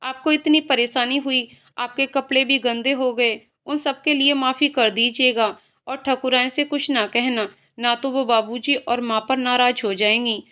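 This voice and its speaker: A woman's voice: on the high side, steady tone, unhurried, hardly any pauses, bright, forceful tone. Woman voicing a flustered village girl. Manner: pleading, flustered. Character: young village girl, mischievous and anxious.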